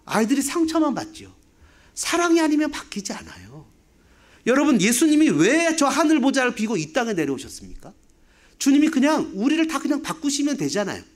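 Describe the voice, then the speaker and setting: A man's voice: very high voice, wildly swooping pitch, a little fast. A man in his fifties, a pastor, preaching a sermon with rhetorical questions and humorous asides. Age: 50s.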